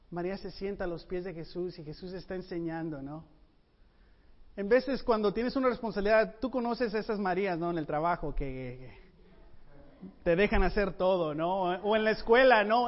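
High-voiced pastor preaching in an echoing hall. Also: male voice. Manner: animated, asks the congregation rhetorical questions. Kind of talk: sermon. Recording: muffled sound with long hall reverb.

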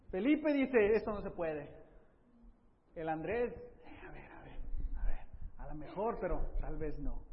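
A man preaching a sermon, lively, asking rhetorical questions and acting out Bible scenes. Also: sits high, long reverb tail, muffled recording, slight background noise. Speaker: pastor.

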